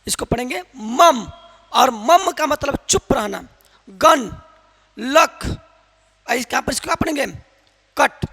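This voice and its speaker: A man teaching English pronunciation in a loud, emphatic classroom manner, quizzing his viewers with repeated questions. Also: very high voice, animated, moderate pace, creaky, husky, big-room sound. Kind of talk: classroom lesson in Hindi with some English.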